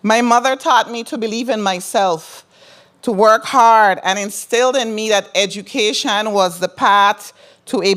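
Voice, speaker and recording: A woman's voice: mid-range voice, a bit bright. A middle-aged woman from Saint Croix with a Crucian Virgin Islands accent, giving a ceremonial thank-you speech as a new senator and addressing her audience directly with personal asides. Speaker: newly elected senator.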